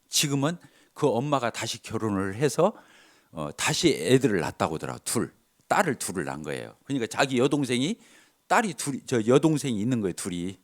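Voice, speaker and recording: A middle-aged male pastor tells stories from his church in a sermon and acts out the dialogue. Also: medium pitch. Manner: animated, acts out dialogue with shifts of voice. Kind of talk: sermon storytelling.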